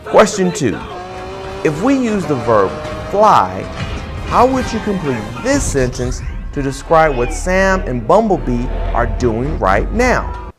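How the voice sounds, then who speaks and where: A man teaching an English lesson in a playful, deliberate way, quizzing the listener. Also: fairly high pitch, sing-song, music in the background. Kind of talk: lesson voice-over over movie clips.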